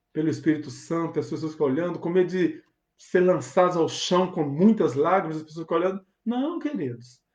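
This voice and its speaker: Fervent Brazilian pastor, echoey lo-fi sound. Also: male voice, sits high, a little mellow. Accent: Brazilian Portuguese. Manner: fervent, emphatic, rhetorical questions. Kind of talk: sermon. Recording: roomy, dull lo-fi sound.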